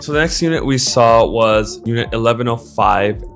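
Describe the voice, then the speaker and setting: A man's voice: mid-range voice, normal speed. A young man from Bangladesh, chatting casually in a voice-over about apartments he toured. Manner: relaxed and chatty, casual slang. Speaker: vlogger touring apartments. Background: faint music.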